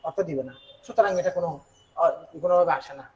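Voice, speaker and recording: A man from Bangladesh working through exam questions as a tutor, repeating key words and asking quick check questions. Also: fairly high pitch, low-quality recording. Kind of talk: exam question walkthrough lesson.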